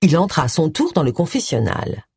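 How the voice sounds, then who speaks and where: A woman reading a novel aloud in an expressive storytelling manner. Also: low-pitched, brisk, husky, dry recording, studio quality. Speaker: audiobook narrator. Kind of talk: scripted narration.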